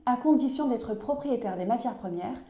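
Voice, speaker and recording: A woman reading a scripted voice-over explainer in a clear, measured, instructive way. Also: a little high, expressive, dark tone, reverberant. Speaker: narrator of a tax explainer video.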